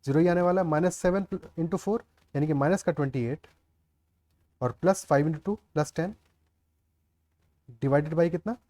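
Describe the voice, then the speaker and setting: A man with a slightly high, dark-toned voice teaches maths at a moderate pace, pausing often. He goes step by step, explaining aloud and repeatedly asking the class "clear?" and "okay" to confirm they're with him.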